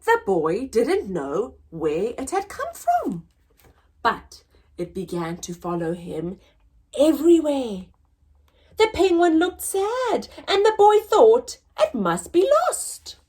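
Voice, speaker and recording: A woman reading a picture book aloud to young children as a story time host, expressive and deliberate, drawing out words. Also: high-pitched, husky.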